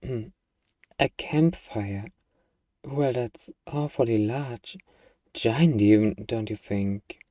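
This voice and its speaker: In an intimate, playful ASMR roleplay, a man plays an eager, friendly, bumbling little demon, hesitant and coaxing, with drawn-out hums. His voice is mid-range and warm, the acting is light, and there's no room sound.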